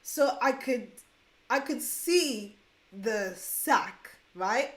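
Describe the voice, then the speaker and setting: A woman's voice: a little high, drawn-out words. A woman co-hosting a vlog, telling a personal story casually and acting out what people said. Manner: animated, quotes others. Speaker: vlog co-host. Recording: echoey room.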